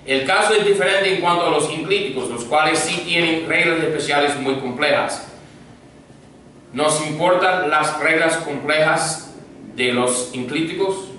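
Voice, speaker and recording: Slow-spoken pastor teaching a class. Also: male voice, fairly high pitch, sharp tone. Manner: patient, checks understanding, drills repetition. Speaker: pastor teaching Koine Greek grammar. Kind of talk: classroom grammar lesson. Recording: echoey room, voice from far off, faint noise.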